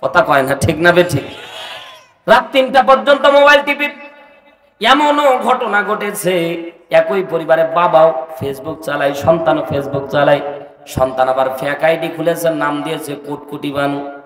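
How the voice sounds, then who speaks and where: A high-voiced man delivers a rousing sermon, shouting refrains and urging the crowd to answer him louder. His voice booms through a public address system with a long, echoing reverb, caught from some distance away. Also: unhurried. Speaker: preacher. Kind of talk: Bengali waz sermon. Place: outdoor religious gathering.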